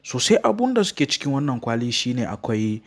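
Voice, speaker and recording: A man's voice: medium pitch, sing-song, fast. A man with a Nigerian Hausa accent, narrating a phone unboxing and review as the host of a tech channel.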